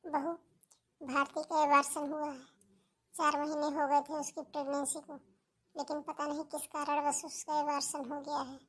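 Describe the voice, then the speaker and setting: A woman's voice: sits high, little pitch movement, a bit bright. Woman voicing a fretful protective cartoon mother. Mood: sorrowful. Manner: fretful, scolding, quick to take her daughter's side. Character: worried middle-aged Indian mother, fussy and protective. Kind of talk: animated cartoon voice acting.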